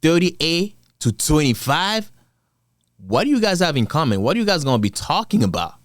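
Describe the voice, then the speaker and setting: A man's voice: on the high side, sing-song, normal speed, no room sound, studio quality. A man hosting a drama channel, giving casual, blunt, slangy reaction commentary with repeated rhetorical questions.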